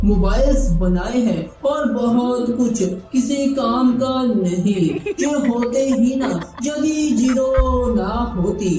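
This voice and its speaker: Earnest facts-channel voice-over with a slow, mellow read and heavy room echo. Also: medium pitch, lo-fi sound. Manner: earnest, addresses viewers directly. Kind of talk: voice-over narration.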